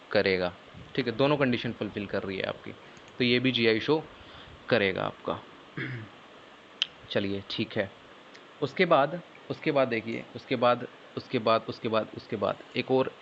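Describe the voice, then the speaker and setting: Hindi chemistry teacher asking students questions. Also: male voice, medium pitch, lo-fi sound, a little hiss or hum. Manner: explains step by step, often asking students questions and answering himself; mixes English technical terms into Hindi. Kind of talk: online lecture.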